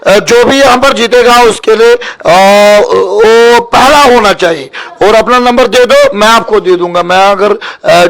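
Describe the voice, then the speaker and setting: Chatty Kashmiri man calling a local cricket match, high voice, emphatic. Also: creaky, a bit bright, rough recording. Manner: chatty, emphatic, pleading with the team. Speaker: cricket commentator. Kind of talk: live cricket commentary, reading viewer comments.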